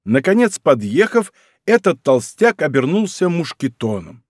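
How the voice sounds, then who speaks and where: Man reading a novel with lively intonation. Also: fairly high pitch, a little slow, no echo, studio quality. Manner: expressive storytelling. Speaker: audiobook narrator. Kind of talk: scripted narration.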